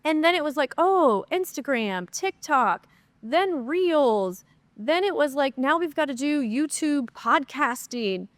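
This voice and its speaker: A woman with a high-pitched voice speaks slowly but with lively intonation as she hosts a solo Q&A on her podcast. Her chat is casual, upbeat and heavy on fillers. A cold gives her a bit of a nasal, stuffy sound, and there's no echo.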